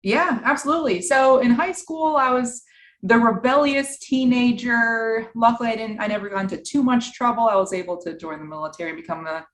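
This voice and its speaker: A New York woman, a real estate investor, appears as a guest on a casual podcast interview. Her fairly high voice is brisk and sounds roomy as she tells her story in a bright, cheerful, relaxed way.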